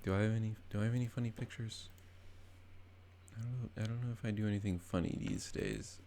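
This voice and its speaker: A man's voice: fairly low pitch, quick pace, dark tone, a little hiss or hum. A man who works as a video editor, chatting casually about a game and laughing often. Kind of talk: casual gaming chat.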